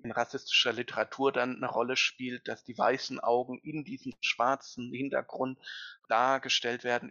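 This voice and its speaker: A man's voice: medium pitch, sharp tone, dry recording. A man speaking as an expert guest in a podcast discussion, earnest and lecturing, with emphatic stresses. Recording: dull lo-fi, dry.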